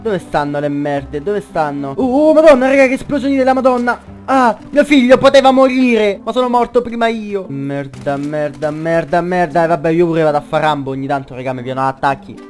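A young man doing excitable gameplay commentary, swearing a lot and shouting in bursts. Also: high-pitched, fairly quick, hardly any pauses, faint music behind. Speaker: gaming YouTuber.

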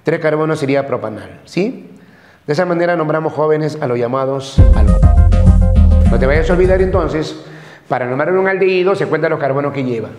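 A man's voice: on the high side, lively intonation, moderate pace, dull audio, over music. Peruvian man teaching in an echoey classroom. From Peru. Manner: repeats terms, checks with frequent questions. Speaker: chemistry teacher. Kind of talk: classroom lecture. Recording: echoey classroom with long reverb.

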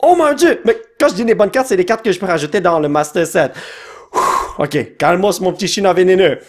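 A man with a Quebec French accent hosting a casual card-opening video, excitable, breaking into shouts and laughs and dropping English words. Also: high-pitched, brisk. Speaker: card-opening channel host. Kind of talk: casual pack-opening commentary.

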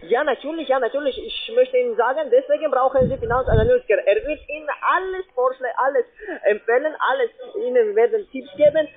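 A call-centre sales caller with a foreign accent, not a native German speaker, gives a halting, repetitive, and insistent sales pitch over the phone. The recording is muffled through a narrow phone line.

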